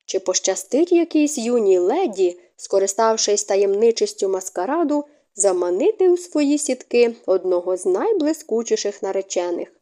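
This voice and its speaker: A woman narrates a novel in a scripted, expressive storytelling style. Her voice sits somewhat high and swings widely in pitch, with a warm, mellow tone. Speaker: audiobook narrator.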